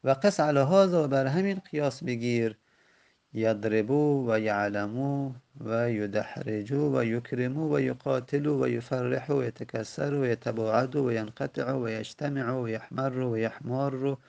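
Guy teaching grammar, gravelly voice, goes over word forms again and again. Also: medium pitch, darkish tone. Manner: patient, repeats and spells out word forms slowly. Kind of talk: recorded lesson explaining a textbook.

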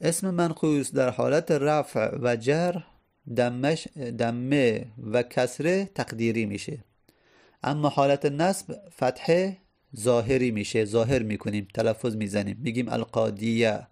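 A man's voice: mid-range voice, vocal fry, darkish tone. A male teacher explaining grammar step by step. He repeats key phrases and sounds out vowels to demonstrate. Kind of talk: Arabic grammar lesson.

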